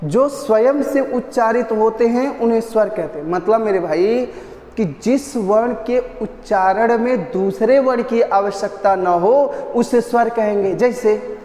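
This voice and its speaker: A man's voice: sits high, a little slow, dark tone. A man teaching an exam-prep lesson, repeating terms and chanting lines to drill them. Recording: echoey roomy reverb.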